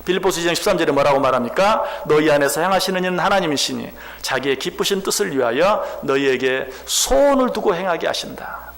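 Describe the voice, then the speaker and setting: Animated preaching man, high lively voice. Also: quick pace, few pauses. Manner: animated preaching, acting out biblical cries and asking the congregation questions. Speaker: pastor. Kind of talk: sermon. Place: church sanctuary.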